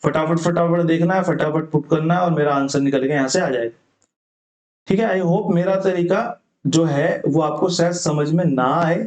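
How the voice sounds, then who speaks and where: A man's voice: on the high side, darkish tone, reverberant. A young man teaching an exam-prep maths lesson step by step, mixing English terms into his talk and often checking in with his students. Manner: explains step by step, mixes English terms into Hindi.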